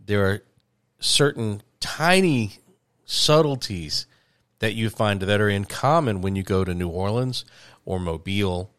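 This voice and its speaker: A middle-aged man with a low voice, chatting casually as a podcast co-host. He rambles, stops and restarts, with plenty of fillers. The sound is dry and close. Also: a little slow, a bit bright, clear, resonant tone, no echo. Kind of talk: casual chat.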